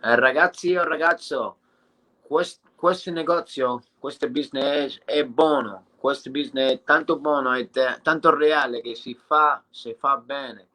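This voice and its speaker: Eager, halting man in his thirties. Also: medium pitch, poor audio. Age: 30s. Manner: excited and halting, with many restarts and fillers. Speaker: business testimonial speaker. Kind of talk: casual motivational testimonial.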